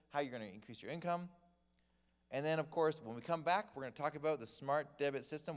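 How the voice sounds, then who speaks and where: Animated male storyteller in a reverberant hall. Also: fairly high pitch. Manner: animated storyteller, acts out quoted people. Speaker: church class teacher. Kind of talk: humorous teaching talk to a group. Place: church hall.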